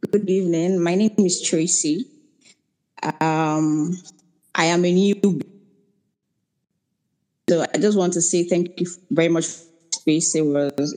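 Nigerian woman, caller, slow deliberate speech, mellow tone, polite and hesitant. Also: low-pitched, poor audio. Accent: Nigerian English. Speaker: caller, newcomer to the field. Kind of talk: asking a question in a live audio chat.

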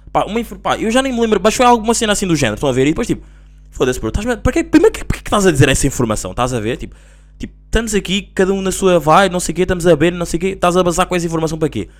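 Fast-talking young Portuguese podcaster. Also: male voice, on the high side. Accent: European Portuguese. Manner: rambling, slangy, animated storytelling. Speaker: podcast host. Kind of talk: casual solo podcast chat.

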